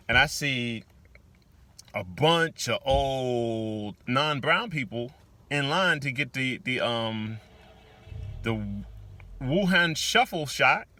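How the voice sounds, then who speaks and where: Animated man with a lively, bright voice. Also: dry recording. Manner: animated, swings into loud high mock-shouts; drawling, repeats words. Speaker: vlogger. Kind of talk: casual spiritual monologue.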